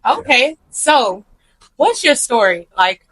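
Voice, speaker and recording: A woman's voice: sits high, sing-song, slow, a bit bright, low-quality recording. A woman hosting a casual interview, asking friendly questions and giving many short affirmations. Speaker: host and interviewer.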